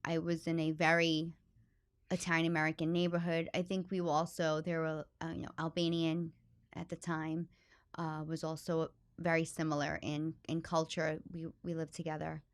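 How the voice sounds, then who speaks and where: A woman from the Bronx with a New York accent, a stand-up comedian chatting in an interview, loud and expressive. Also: sits low, normal speed. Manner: animated, talks with hands, loud and expressive. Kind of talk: casual interview chat.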